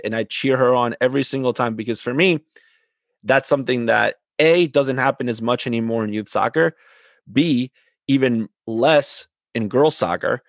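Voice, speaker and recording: Excitable man telling a coaching story. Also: mid-range voice, no echo. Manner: animated, many restarts and repeated words. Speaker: youth soccer coach, podcast co-host. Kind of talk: casual storytelling chat.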